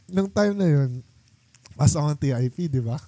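A young man hosts a casual chat among old friends, rambling through his stories with plenty of fillers. His voice sits a bit high yet sounds mellow and dark. The recording is dry and close. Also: expressive, moderate pace, no room sound. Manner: rambling storytelling with many fillers and laughs. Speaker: podcast host.

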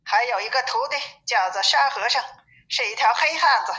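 A woman's voice: on the high side, moderate pace, sharp tone, pitched above the performer's own voice, rough recording. A woman voicing a boastful, haughty male turtle-dragon river demon in a storybook reading. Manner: haughty, then pleading.

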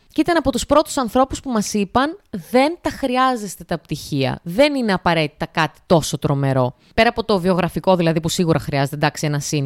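A woman's voice: lowish voice, no echo, clean studio sound. A young woman hosting a casual solo podcast, chatty and speaking to her listeners directly with lots of filler phrases. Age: young adult. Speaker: podcast host.

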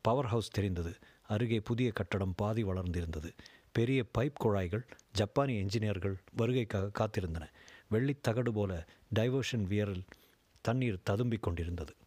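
A male storyteller reads a story in a measured, descriptive way. His voice sits low. The recording is dry and close, with no room sound. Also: a little mellow, no echo. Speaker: narrator. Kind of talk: scripted story reading.

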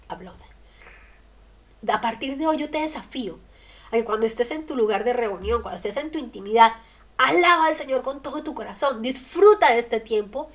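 Woman, radio preacher, higher-pitched voice, emphatic delivery with rhetorical questions. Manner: emphatic, rhetorical questions, swings loud and soft. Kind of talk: sermon on the radio.

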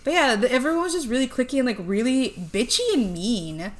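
A woman's voice: on the high side, very animated, fairly quick. Chatty young woman podcast co-host. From Chicago area. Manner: chatty, swears freely, many "like" fillers. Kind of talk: casual chat.

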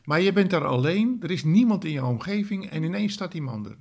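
A man's voice: high voice, expressive, brisk. A man interviewing a guest, probing and often repeating the answers back. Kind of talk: interview questions.

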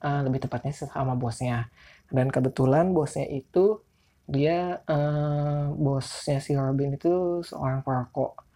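Male podcast host, Jakarta accent, dark mellow tone, can't roll his r's, loose and informal. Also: fairly high pitch, measured pace. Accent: Jakarta Indonesian. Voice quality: speech impediment on r, cannot roll his r's. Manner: informal, rambling, self-deprecating. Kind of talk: casual solo podcast chat.

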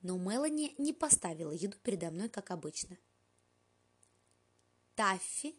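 A woman's voice: fairly low pitch, very animated, quick pace, mellow, breathy edge. A woman reading an audiobook aloud, telling the story in a dry, ironic first-person way. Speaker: audiobook reader. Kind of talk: audiobook narration.

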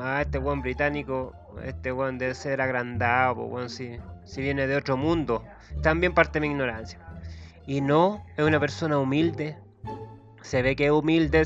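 Profane Chilean comedian rambling. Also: male voice, a little high, fairly bright tone, highs cut off. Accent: Chilean Spanish. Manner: rambling, profane, self-mocking. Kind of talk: comic monologue.

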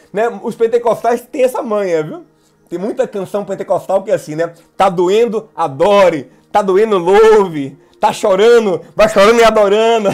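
A man with a Brazilian Portuguese accent preaching a sermon on a live stream as pastor. He is animated, acts out prayers and breaks in with sudden exclamations. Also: high-pitched.

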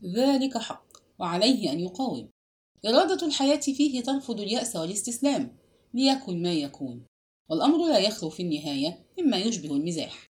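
A woman narrating a literary novel as an audiobook, with a measured, expressive reading. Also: mid-range voice.

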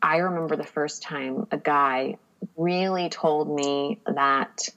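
A woman's voice: sits low, fairly even intonation, takes it slowly, fairly bright tone, dull audio. A woman speaking as a podcast guest in casual conversation, reflective and candid, often acting out quotes.

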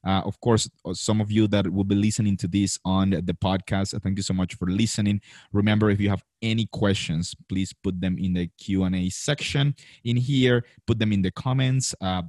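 A man's voice: on the low side, fairly even intonation, normal speed, darkish tone, dry recording, studio quality. A man in his thirties hosting a live interview over a video call, chatty and full of fillers and restarts. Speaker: host.

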